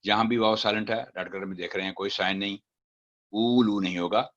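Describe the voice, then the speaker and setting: A man's voice: sits low, fairly even intonation, quick pace, a bit bright, lo-fi sound. A man teaching Quran recitation, chanting example words syllable by syllable and then explaining the rules. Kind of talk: step-by-step recitation lesson.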